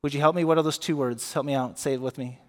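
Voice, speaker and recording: A man preaching a sermon as pastor, animated and often asking his congregation questions. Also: mid-range voice, fast, in a large hall. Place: church sanctuary.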